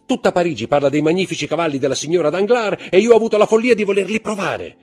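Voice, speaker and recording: A man's voice: mid-range voice, very animated, normal speed, breathy edge, pitched above the performer's own voice. A man voicing a frantic noble Parisian mother, pleading and crying out, in an audiobook reading. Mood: anxious. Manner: pleading, breathless, cries out.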